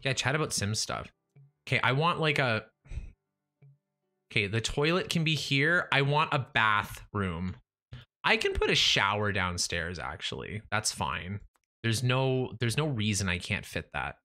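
A young man streams a building game from a small room at home, his low-leaning voice swinging widely in pitch, unhurried, pushed and bright, with soft music underneath. Through a studio mic in front of his face, he chats with himself and viewers, restarting and trailing off, and says his voice is giving out.

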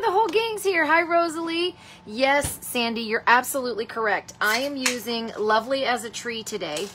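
This live stamping tutorial host chats warmly with viewers, greeting each by name and using honey and sweetheart, though her talk rambles with many ums and restarts. Her voice sits on the high side, pushed and bright, with a little hiss or hum behind it.

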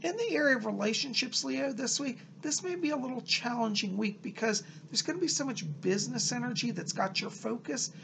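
Gravelly man giving a mystical horoscope reading. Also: extremely high pitch, expressive, fairly quick, hardly any pauses, background noise. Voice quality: raspy, creaky. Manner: encouraging, advising the listener directly. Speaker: psychic medium presenting horoscopes. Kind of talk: mystical horoscope reading, informal and semi-improvised. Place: small room at home, indoors.

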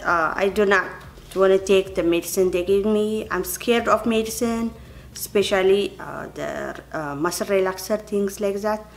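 A woman in her thirties speaks to her camera from a home kitchen. She is earnest and chatty, keeps calling her viewers you guys, and her voice sits at an ordinary middle pitch. A faint household hum runs underneath. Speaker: vlogger. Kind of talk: casual vlog to camera.

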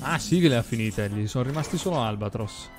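A man's voice: mid-range voice, lively intonation, quick pace. A man in his thirties giving casual live gameplay commentary, muttering, exclaiming and swearing freely into a close desk mic. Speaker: game streamer. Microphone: desk microphone close to mouth. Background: game music and sound effects.

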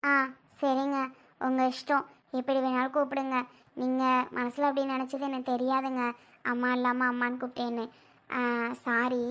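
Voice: high voice, monotone, moderate pace, pauses often, a bit bright. A performer playing a tearful young bride in an amateur family drama skit, hesitant, apologetic and fearful.

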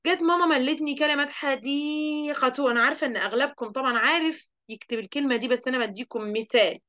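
Lively Egyptian woman teaching children. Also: high-pitched, fast, highs cut off. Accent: Egyptian Arabic. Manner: lively, asks the class questions and answers them. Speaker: primary school teacher. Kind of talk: online lesson for young children.

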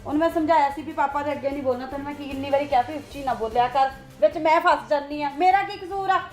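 A woman acting as a worried Punjabi mother, pleading and soothing in a high, quick voice. Faint music plays behind her. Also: natural voice. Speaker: mother and wife.

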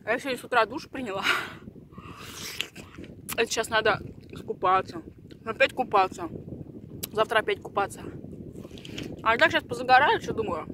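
A woman's voice: a little high, normal speed, long pauses, noisy background. A woman vlogging outdoors on a riverside pier, chatty and jokey, chewing while she talks. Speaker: mukbang vlogger. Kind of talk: casual vlog chat.

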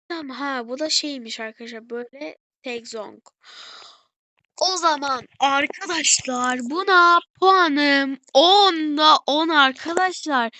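A gaming channel host with a high, bright voice gives casual gameplay commentary, recorded dry and close with no room sound. She's excitable, keeps turning to her viewers, and gushes over every small detail she finds.

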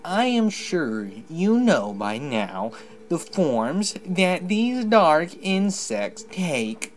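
A man voicing an ancient spirit of light, reading its lines in a drawn-out, ceremonial way. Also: sits high, sing-song, soft background music, voice pushed up, heavily acted. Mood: solemn. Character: solemn ancient light spirit, slow and grand.

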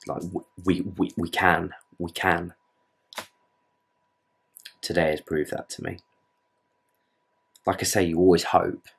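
Speaking with a British accent, this twenty-something fitness vlogger has a low, creaky, slightly rough voice. It's night in his bedroom, and he rambles earnestly to camera in casual vlog style, dropping swear words freely.

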